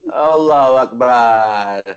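A man with a Malaysian Malay accent hosting a casual morning radio chat, chatty and quick to laugh. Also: mid-range voice, smooth, lo-fi sound. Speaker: radio host.

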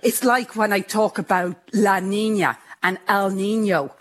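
A woman's voice: mid-range voice, steady tone, unhurried, noisy background. A woman from Ireland with a speech impediment, telling her own story in a candid, self-mocking way and carefully sounding out hard words. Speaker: interviewee. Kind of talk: personal storytelling.

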